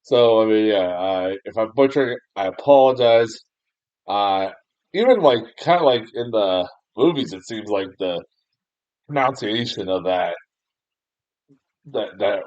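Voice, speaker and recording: A young American man with a lowish, darkish voice takes his time rambling through a casual movie review. He speaks English natively, fills gaps with ums and restarts, laughs at himself a lot and curses mildly. Expect dry, muffled, lo-fi audio.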